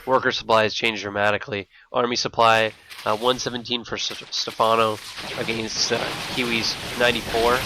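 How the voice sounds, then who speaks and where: Lisping male game caster, bright voice. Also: mid-range voice, a little hiss or hum. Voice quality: lisp, slushy sh-like s. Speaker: esports shoutcaster. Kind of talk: live StarCraft match commentary.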